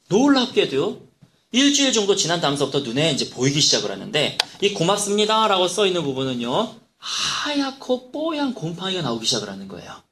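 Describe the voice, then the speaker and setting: A man preaching a sermon as pastor, telling stories in an animated way and acting out the lines he quotes. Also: on the high side, a little hiss or hum.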